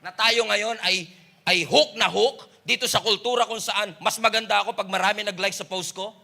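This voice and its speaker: A male pastor with a Filipino accent, preaching a sermon in a mix of Tagalog and English that swings between loud exclaiming and low, quiet lines. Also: steady tone, normal speed, vocal fry.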